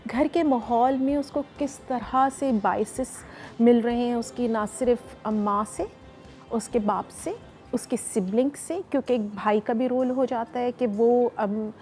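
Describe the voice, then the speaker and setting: A woman psychologist with a Pakistani accent, explaining in a measured way and mixing English phrases into her Urdu, on a TV morning show. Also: fairly high pitch, steady tone, darkish tone, soft background music. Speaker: psychologist guest. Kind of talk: studio interview. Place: TV studio.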